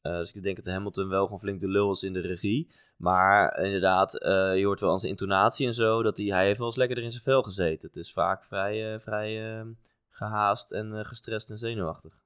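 A man co-hosting a podcast in relaxed, casual chat, pausing often with fillers. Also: on the low side, clean tone, no echo, clean studio sound. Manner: relaxed, hesitant with many fillers. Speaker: podcast co-host. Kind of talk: casual chat about motor racing.

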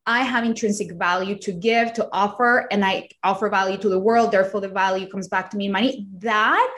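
A woman's voice: mid-range voice, brisk, fairly bright tone. A woman from Colombia, a podcast guest and business coach, telling her story in a chatty way with many fillers. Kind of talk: conversational interview storytelling.

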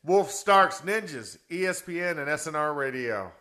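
Bright-voiced man talking sports radio. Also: a little high, animated, moderate pace. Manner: rambling, with restarts and chuckles. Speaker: sports radio co-host, former offensive lineman. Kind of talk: casual sports talk.

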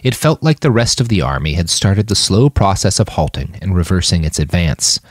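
An author reads his fiction podcast as a dramatic audiobook narrator, acting out the character dialogue from a script. His voice sits low with big pitch swings and a moderate pace, in a dry, studio-quality recording.

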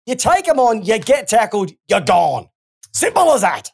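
A woman's voice: on the high side, wildly swooping pitch, moderate pace, vocal fry, darkish tone, husky. A woman with an Australian accent co-hosting a casual sports podcast, ranting and swearing freely. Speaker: podcast co-host.

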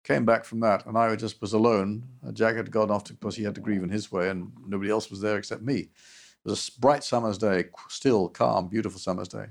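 Casting note: older man, gravelly, low-ish voice, brisk delivery. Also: fairly even intonation. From United States. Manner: halting, with restarts and soft trailing endings. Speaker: interview guest. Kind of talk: reflective personal recollection.

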